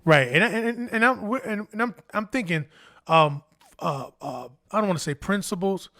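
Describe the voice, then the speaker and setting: High-voiced man giving earnest relationship advice. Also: animated, normal speed, fairly bright tone, dry recording, studio quality. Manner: earnest, many "you know" fillers. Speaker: podcast co-host.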